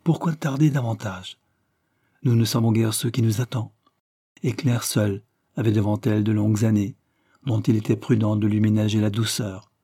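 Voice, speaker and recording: Husky, low-voiced man narrating a story. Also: dry recording, studio quality. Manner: measured, even storytelling. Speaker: audiobook narrator. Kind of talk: literary audiobook narration.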